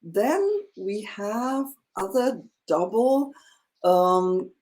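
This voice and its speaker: A woman teaching a one-on-one language lesson, explaining slowly with many fillers and checking in with "yeah?". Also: medium pitch, darkish tone. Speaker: German teacher.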